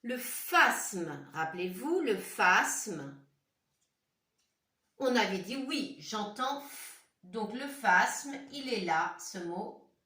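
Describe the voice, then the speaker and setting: A female primary school teacher gives young children a phonics lesson in a classroom or home room with a whiteboard, talking to them directly and asking questions. She speaks slowly and clearly, breaking words into syllables and repeating them, in a mid-range voice with big pitch swings and a sharp tone. The room is echoey and she sounds far from the mic.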